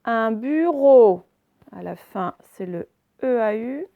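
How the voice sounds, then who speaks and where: Slow gravelly-voiced woman teaching phonics. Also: medium pitch, narrow, tinny audio. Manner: slow, over-articulated word drills with repetitions and fillers. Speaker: primary school teacher. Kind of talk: recorded phonics lesson for children.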